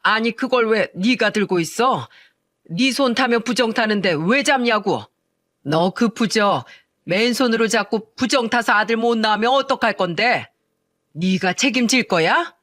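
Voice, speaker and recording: A woman doing a shrill, nagging old mother-in-law. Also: animated, a little slow, fairly bright tone, dry recording, studio quality. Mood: scolding. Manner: shrill, scolding and whiny.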